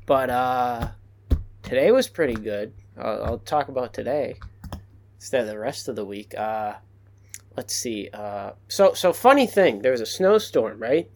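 Rambling young man, lively pitch. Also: a little slow, slight background noise. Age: young adult. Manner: rambling, filler-heavy storytelling. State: out of breath. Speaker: podcast co-host. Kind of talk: casual chat.

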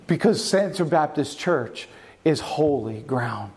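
A pastor preaching a sermon, asking his congregation questions and varying his pace and loudness for emphasis. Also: fairly high pitch, expressive, takes it slowly. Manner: asks the congregation questions and answers them.

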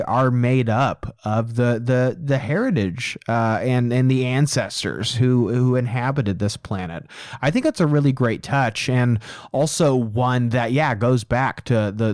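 A man's voice: medium pitch, a little mellow, no echo, studio quality. A man co-hosting a casual podcast, explaining his points at length with frequent fillers. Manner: rambling, explanatory, frequent "uh" and "you know". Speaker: podcast co-host.

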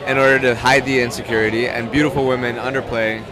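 A man's voice: mid-range voice, little pitch movement, fast. A man hosting a casual podcast, chatting hesitantly with many restarts and laughs, recorded at a busy outdoor market bar. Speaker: podcast host. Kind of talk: casual chat. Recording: loud crowd noise around. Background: crowd chatter.

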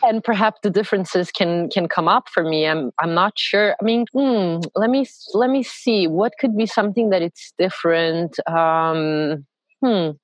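A woman from Brazil, a podcast guest in casual chat who pauses thoughtfully to search for words. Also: lowish voice, no echo.

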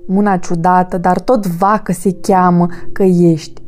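A woman voicing a loud, bossy male crow who shouts and retorts indignantly in a storybook reading. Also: lowish voice, little pitch movement, faint music behind, natural voice.

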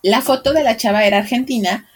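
A woman with a Mexican accent, co-hosting a podcast and telling a story in a casual, animated way, laughing and voicing the people in it. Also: fairly high pitch, a little fast, breathy edge. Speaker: podcast co-host.

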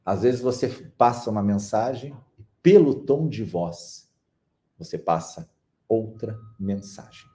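A man giving a calm, measured motivational talk, pausing slowly for emphasis. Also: lowish voice. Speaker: speaker on personal development.

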